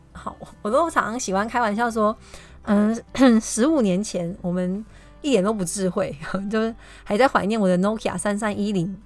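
A young woman with a Taiwanese Mandarin accent, hosting a solo podcast in a chatty way, full of fillers and rhetorical questions. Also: medium pitch. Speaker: podcast host explaining a personality system. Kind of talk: casual solo podcast talk.

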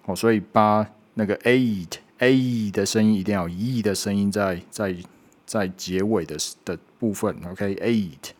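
A man who teaches English pronunciation speaks in a somewhat low voice with fairly even intonation. Patiently and slowly, he demonstrates each sound and repeats it several times, frequently tossing in a quick "OK" to check in.

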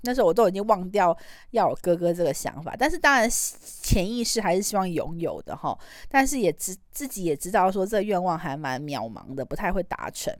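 A woman's voice: on the low side, sing-song, a little fast, no echo, studio quality. A woman with a Taiwanese Mandarin accent hosting a podcast, telling a personal story in a chatty, rambling way. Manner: chatty, rambling, trailing particles. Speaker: podcast host. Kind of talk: casual storytelling monologue.

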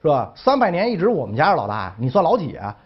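Blustering king voiced by a man, indignant, husky, dull recording. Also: fairly high pitch, huge pitch swings, fast talker, full character voice. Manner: blustering, colloquial. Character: indignant ancient male king, bossy.

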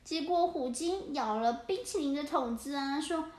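High, animated woman storyteller. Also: moderate pace, echoey room. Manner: lively and animated, with sound effects. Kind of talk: children's picture-book read-aloud.

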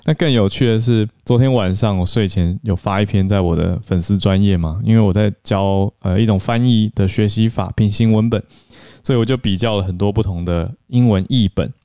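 A man hosting a podcast, chatting and explaining in a relaxed, filler-rich way. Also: on the low side, fairly quick, no room sound, studio quality. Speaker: podcast news host. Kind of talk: casual news and English-learning podcast talk.

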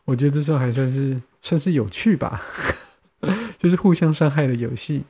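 A man's voice: mid-range voice, expressive, moderate pace, warm tone, slightly rough. A young man with a Taiwanese Mandarin accent hosting a podcast, telling stories in casual chat and acting out his friends' lines. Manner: chatty, acts out friends' lines, laughs often. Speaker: podcast host.

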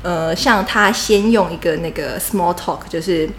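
A young woman, co-hosting a podcast and telling a story in casual chat, animated and self-deprecating with frequent laughs. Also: lowish voice, measured pace, a little hiss or hum. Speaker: podcast co-host.

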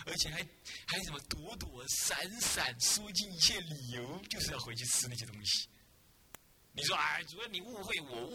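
A man's voice: a little high, pushed and bright. A man, a Buddhist abbot, giving a dharma lecture to students, scolding and teasing them with rhetorical questions.

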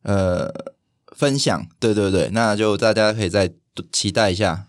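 一位带台湾口音的男主持人，用轻松聊天的方式做播客，说话爱开玩笑、常带笑意。. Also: male voice, lowish voice, a little slow. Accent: Taiwanese. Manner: jokey, laughs often. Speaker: podcast host. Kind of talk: casual, bantering podcast chat.

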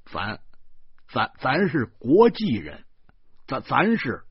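A man's voice: mid-range voice, wildly swooping pitch, takes it slowly, slightly rough, no echo, voice pushed up, exaggerated voice. A man voicing a boastful man in his thirties who stutters constantly, with a Beijing accent. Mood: boastful stammer. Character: stammering pompous man in his thirties, show-off. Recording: dull lo-fi recording.

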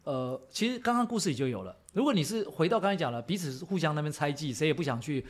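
A middle-aged man from Taiwan, co-hosting a podcast and calmly explaining ideas, often checking in with "right?". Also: fairly high pitch, quick pace. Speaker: podcast co-host. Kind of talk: casual advice chat.

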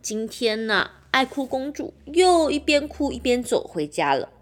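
A woman teacher reading a children's picture book aloud in a playful, animated way, asking the listeners questions. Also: high voice, unhurried.

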